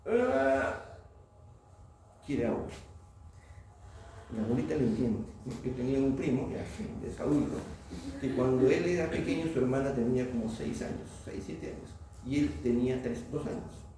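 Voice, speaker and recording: A man's voice: medium pitch, a little fast, warm tone. Man lecturing in an echoey hall. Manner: asks the class questions, tag "¿no?". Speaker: oral surgery lecturer. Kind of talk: classroom lecture. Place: lecture room. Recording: very echoey lecture hall from far off, faint noise.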